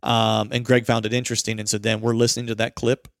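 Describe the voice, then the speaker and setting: A male podcast host with a lowish, gravelly voice chats casually and wanders through his sentences with a joking tone. The sound is close and dry. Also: little pitch movement, fast talker, no room sound. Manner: jokey, rambling, conversational.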